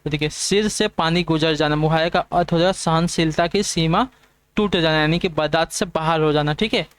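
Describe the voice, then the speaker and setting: Fast-talking male exam prep teacher. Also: fairly high pitch, fairly even intonation, smooth. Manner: fast, repetitive checking-in with students. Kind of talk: online class lesson.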